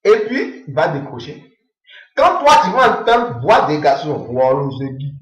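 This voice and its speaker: Animated man in an echoey room. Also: measured pace. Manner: animated, acts out phone calls in low muttered voices. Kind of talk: comic monologue.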